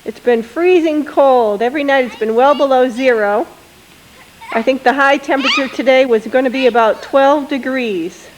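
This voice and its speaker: A woman's voice: high-pitched, normal speed. A woman filming her children outdoors in the snow, narrating the home video and coaxing the kids to wave, heard through an old handheld camcorder's built-in mic. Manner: narrates what she films and coaxes the kids to wave. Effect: old camcorder audio with faint hiss. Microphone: built-in mic of the handheld camcorder she holds. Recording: old camcorder audio, faint hiss.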